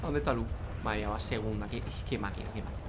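A young gaming YouTuber plays a racing game, joking crudely and chatting casually to himself and his viewers. His voice is on the low side and quick, with a noisy background.

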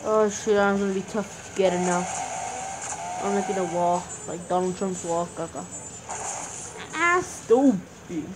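A young-sounding female-pitched gamer giving casual, excitable gameplay commentary, with difficulty saying R sounds. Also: measured pace, pauses often, noisy background. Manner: excitable, exclaims and mutters to self. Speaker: gaming video maker. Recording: game music behind the voice. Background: game music.

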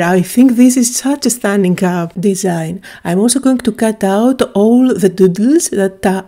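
A Greek woman with a medium-pitched, dark voice chats enthusiastically through a craft tutorial, dropping in lots of little "uh" fillers.

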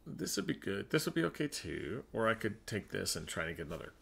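Gravelly deep-voiced man muttering over gameplay. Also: sing-song, brisk, a bit bright. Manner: thinks aloud, mutters to himself. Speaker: gaming streamer. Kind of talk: casual gameplay commentary.

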